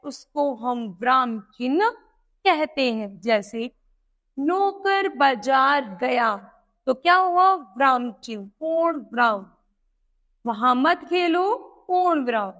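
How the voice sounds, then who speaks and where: Female teacher, high voice, slow and deliberate classroom delivery for kids. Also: a bit bright. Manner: slow, deliberate, repeats questions and answers to the class. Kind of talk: classroom lesson for children.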